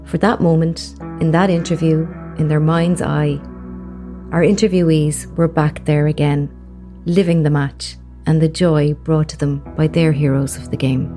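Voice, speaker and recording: Woman narrator, low mellow voice, faint music behind. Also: steady tone, a little slow. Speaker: podcast narrator. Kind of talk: scripted narration.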